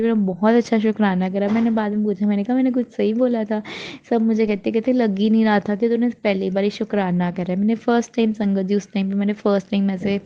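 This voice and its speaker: A woman's voice: medium pitch, dark tone, lo-fi sound. Earnest young woman giving grateful thanks. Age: 20s. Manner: earnest, grateful, repeats thanks, mixes in English words. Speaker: devotee sharing a testimony. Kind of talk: devotional testimony, casual chat. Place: at home before a shrine.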